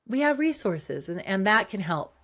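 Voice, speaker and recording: A woman psychologist, a guest in an interview, talking casually in a lively, rambling way with many fillers and restarts. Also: mid-range voice, normal speed.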